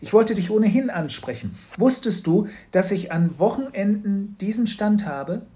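A man's voice: high voice, expressive, normal speed, pitched above the performer's own voice. Man voicing a mysterious, insistent stall-keeper woman. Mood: delighted. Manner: urgent, pressing, drops to a hush.

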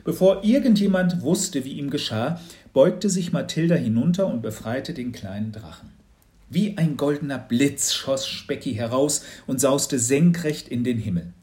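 A man reading a children's storybook aloud in a lively, expressive manner. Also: mid-range voice, measured pace. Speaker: narrator.

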